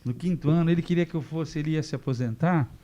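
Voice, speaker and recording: An older man with a Brazilian accent rattles off his memories at a brisk clip. His voice is mellow and dark, and he slips into the voices of the people in his stories as he goes. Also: a little high, lo-fi sound, slight background noise. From Catanduva, São Paulo state, Brazil. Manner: lively anecdotes, acts out quoted dialogue. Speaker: interview guest, physician. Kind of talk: casual storytelling.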